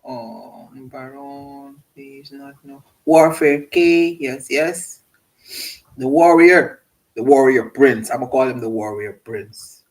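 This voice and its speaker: A man hosting a casual livestream in an easygoing, meandering way. He talks at a slow, unhurried pace and laughs often between shout-outs to his viewers. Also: mid-range voice, rough recording. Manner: relaxed, rambling, laughing often. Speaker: livestream host.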